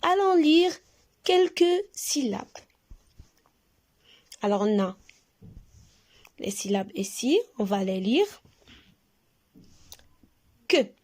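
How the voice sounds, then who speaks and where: Female primary teacher, rather high voice, extremely slow and deliberate, drawing out each syllable for young pupils to repeat. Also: big pitch swings, darkish tone. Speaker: primary school French teacher. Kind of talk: recorded reading lesson for young pupils.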